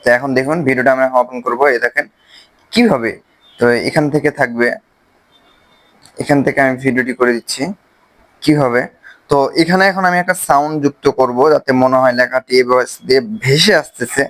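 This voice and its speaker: A man with a Bangladeshi Bengali accent, casually explaining a phone video-editing app step by step, with pauses as he clicks. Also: medium pitch, a bit bright. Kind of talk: screen-recorded software tutorial.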